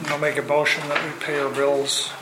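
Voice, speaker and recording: Flat voice reading a formal motion. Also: medium pitch, fairly quick, loud music behind the voice. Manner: reads figures in a steady, formal way. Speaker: board member. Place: meeting room. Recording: echoey room, noisy.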